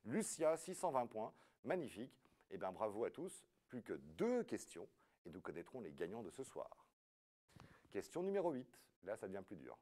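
A low-pitched man hosts a live quiz show, his voice swooping up and down as he reads questions and tallies scores. He keeps up a playful patter, tossing jokes in between the answers. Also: wildly swooping pitch, moderate pace, dark tone. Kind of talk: live app quiz hosting.

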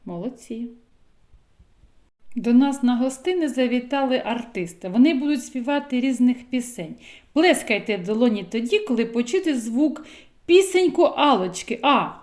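A woman's voice: fairly high pitch, lively intonation, moderate pace, a little mellow. A woman teaching a phonics lesson to small children, talking in a sing-song way and drawing out her vowels. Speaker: preschool teacher.

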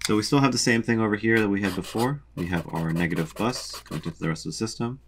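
A young man calmly explains a boat's electrical wiring while drawing a diagram, methodical, with frequent ums. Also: lowish voice, fast, background noise. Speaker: sailing vlogger explaining a boat electrical system.

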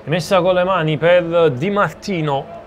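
A man's voice: a little high, unhurried. A man giving live play-by-play commentary on a football match. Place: outdoor stadium commentary position. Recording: noisy live stadium sound.

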